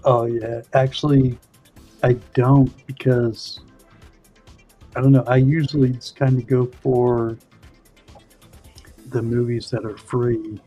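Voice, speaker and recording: A man's voice: mid-range voice, little pitch movement, takes it slowly, long pauses, dark tone, muffled recording, faint music behind. A man hosting a livestream, chatting casually and explaining things in a rambling way with lots of "you know". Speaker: livestream host. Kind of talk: casual chat.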